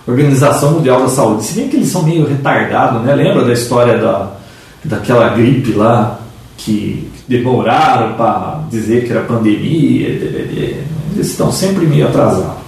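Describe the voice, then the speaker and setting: A man's voice: moderate pace, gravelly, far from the mic. Male co-host, explainer type, talks from across an echoey room. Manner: explanatory, lively pitch swings. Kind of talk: casual tech chat.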